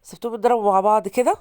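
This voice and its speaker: A woman's voice: a little high, mellow, smooth, dry recording, clean studio sound. A woman from Alexandria with an Egyptian Arabic accent, hosting a casual cooking vlog while congested from a cold, chatty and repeating herself to viewers. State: stuffy nose from a cold. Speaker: cooking channel host.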